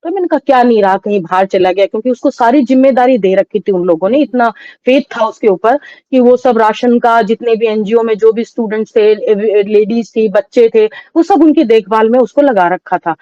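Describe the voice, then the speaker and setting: Sorrowful middle-aged woman, mellow voice. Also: a little high, dry recording, lo-fi sound. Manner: halting, sorrowful retelling with many restarts. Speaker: interview guest. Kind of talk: emotional personal testimony.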